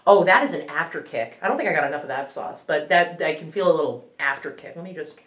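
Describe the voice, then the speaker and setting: Laughing and rambling through a hot wing challenge, a young woman who works as a radio news presenter and speaks Ukrainian as her first language keeps reacting to the spice in casual chat. She has a low, animated, fairly bright voice and talks quickly in an echoey room.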